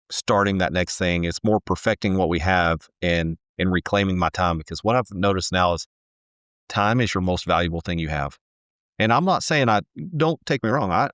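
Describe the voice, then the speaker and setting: A man in his forties with a deep voice answers questions in an earnest, halting way, restarting sentences as he goes. The sound is dry and close, with no room behind him. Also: fairly bright tone, no echo. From Texas. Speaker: home builder, guest. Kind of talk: casual interview answers.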